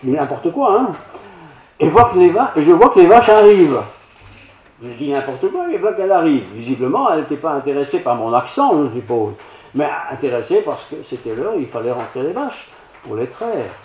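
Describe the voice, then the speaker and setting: Preaching a storytelling sermon in a church hall, an older pastor with a Belgian French accent recounts a homely childhood tale that pokes fun at himself. His fairly high voice swings widely in pitch and moves a little fast, in a roomy, somewhat dull church recording.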